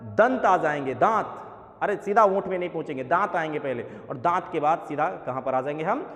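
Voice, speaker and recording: A man's voice: on the high side, lively intonation, fairly quick, a bit bright, in a large hall. A man teaching an exam-prep grammar lesson, saying sounds aloud as examples and calling his viewers sir.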